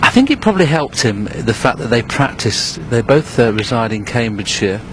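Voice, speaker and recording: A man giving hushed, low-key snooker commentary in a measured, unhurried, analytical way. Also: sing-song, noisy background.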